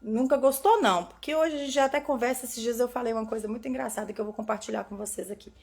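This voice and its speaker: A woman preaches live in a conversational way. She tells personal stories earnestly, and her voice sits somewhat high. Her talk sounds like a warm devotional chat with her listeners. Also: quick pace, gravelly, breathy edge. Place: home room, live broadcast.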